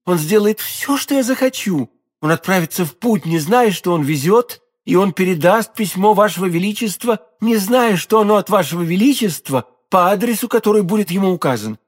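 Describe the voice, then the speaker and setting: A man's voice: high voice, lively intonation, fairly quick, pitched above the performer's own voice. A man reading an audiobook, voicing an earnest, devoted young woman who serves the queen. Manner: earnest, fervent.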